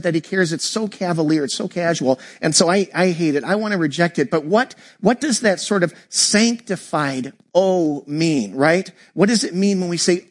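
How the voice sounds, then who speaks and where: A man, a pastor, preaching a heartfelt Christmas sermon and speaking straight to his congregation. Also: high voice. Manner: earnest, heartfelt, directly addressing the congregation.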